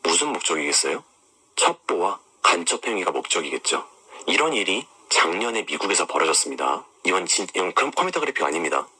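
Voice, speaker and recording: A man's voice: deep voice, big pitch swings, a little fast, sharp tone, breathy edge. A man talking straight to his viewers, walking them through maps and images and asking them rhetorical questions. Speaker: online commentator. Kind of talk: explanatory monologue to viewers.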